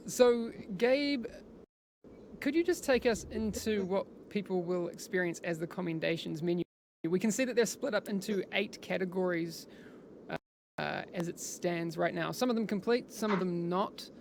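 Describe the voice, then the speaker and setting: A man's voice: sits high, vocal fry, a little hiss or hum. A man hosting a live-streamed interview, chatty and rambling, with frequent restarts and checks like "is that correct?". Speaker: livestream host interviewing developers.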